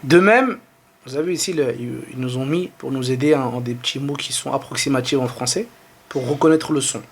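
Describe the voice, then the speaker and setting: A man with a French accent giving a patient online lesson on reading Arabic letters, sounding out each letter slowly and repeating it. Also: medium pitch, slightly rough.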